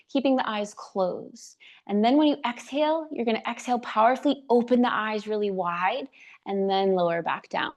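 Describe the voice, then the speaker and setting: A woman teaching a live online yoga class, giving calm step-by-step cues for breath and poses, a little out of breath as she demonstrates. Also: fairly high pitch. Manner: slightly out of breath while demonstrating. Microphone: video call.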